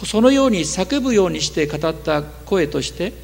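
A man preaches a sermon with a regional lilt in his speech. His voice sits a little high and has a gravelly edge. His phrases sink quietly at the close, and the sound rings out in a hall with a long tail of reverb. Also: expressive. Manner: measured preaching, trailing off low at phrase ends. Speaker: pastor.

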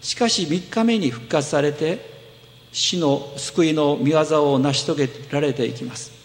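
A man preaching a sermon as pastor, explaining gently with fillers and small self-corrections. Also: fairly high pitch, unhurried, in a large hall.

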